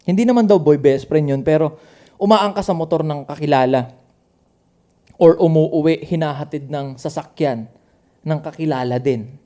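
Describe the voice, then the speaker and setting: Male co-host, high pitched and warm, loose and profane. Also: normal speed, long pauses. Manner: swears a lot, animated. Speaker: podcast co-host. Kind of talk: casual chat.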